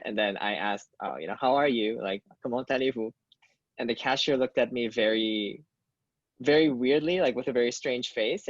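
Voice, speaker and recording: A young Canadian man chats casually in a group video call, hesitant and using many fillers and restarts. His voice is mid-range, and the recording is dry and dull-sounding.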